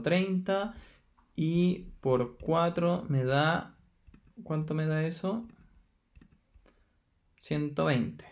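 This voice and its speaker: A man's voice: a little high, gravelly, darkish tone. A man teaching a math lesson in Chilean Spanish, patiently counting through each step aloud and checking in with his students. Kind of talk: recorded lesson explaining exercises.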